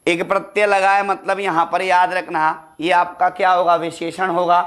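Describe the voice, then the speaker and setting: In this exam prep class, the Hindi teacher speaks at a moderate pace in a high, fairly bright voice with a flat delivery. He addresses students as "beta" and "ladlo" and repeatedly answers the questions he asks them.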